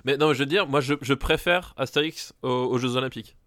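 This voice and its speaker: A man co-hosting a film podcast in casual chat, animated and stumbling over repeated words as he complains. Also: medium pitch, a little fast, no echo, studio quality. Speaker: podcast co-host.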